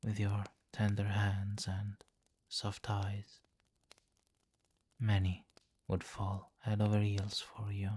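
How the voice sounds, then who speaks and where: For an ASMR roleplay, a man acts as a domineering vampire king, speaking very slowly in a low, monotone voice. Seductive, condescending and possessive, he coaxes and gives soft commands in a hypnotic murmur, measured and often close to a whisper, with little rise or fall. There's slight background noise.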